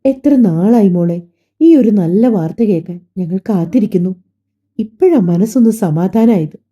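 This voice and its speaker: A woman's voice: medium pitch, expressive, moderate pace, mellow, husky. A woman voicing a motherly older housekeeper. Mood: relieved. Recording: dull lo-fi recording.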